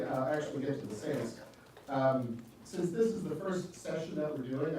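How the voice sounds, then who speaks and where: A man's voice: medium pitch, warm tone. A man with a Brooklyn accent giving a casual, self-deprecating parish adult education lecture, full of ums and uhs. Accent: New York (Brooklyn). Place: church hall. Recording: echoey room from far off with noise.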